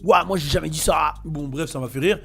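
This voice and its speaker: A man's voice: fairly high pitch, brisk, vocal fry, faint music behind. A man hosting a casual chat with friends, telling a funny story and acting out the voices in it. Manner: animated, acts out quoted voices.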